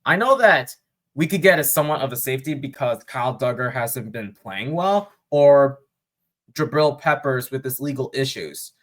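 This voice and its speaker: A man hosting a sports fan vlog, thinking aloud in casual, unscripted commentary with pauses and fillers. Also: medium pitch, expressive. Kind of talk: casual mock draft commentary.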